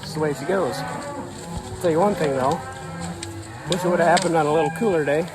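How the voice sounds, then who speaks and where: A hoarse man, a rancher filming his workday, talking in a laid-back, folksy, plainspoken way outdoors among cattle. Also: fairly high pitch, brisk. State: hoarse from yelling. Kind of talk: casual vlog narration. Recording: outdoor noise with cattle and machinery.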